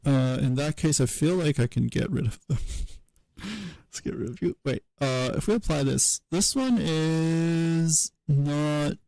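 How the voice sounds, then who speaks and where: A man streaming as he works through a linguistics problem, thinking aloud in a hesitant, wry way with many pauses. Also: medium pitch, vocal fry, mellow, no echo. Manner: hesitant self-talk with many pauses and fillers.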